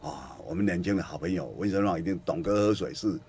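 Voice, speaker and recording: A man from Kinmen, hosting a political talk radio show with animated, sarcastic ranting. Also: sits low, fast, breathy edge. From Kinmen, Taiwan.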